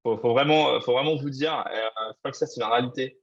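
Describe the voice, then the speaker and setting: A man's voice: medium pitch, fast talker, dull audio. A man giving advice in a webinar talk, speaking with many fillers and restarts. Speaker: export expert speaker.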